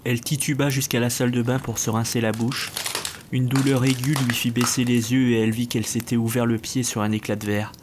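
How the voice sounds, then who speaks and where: A man reading a dark fantasy story aloud as narrator, steady and measured. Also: mid-range voice, noisy background. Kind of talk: scripted narration.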